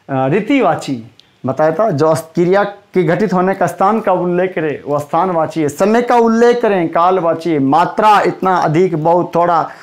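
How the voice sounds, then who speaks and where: A man teaching a Hindi grammar lesson, quizzing his students and slowly repeating the key terms for emphasis. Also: high-pitched.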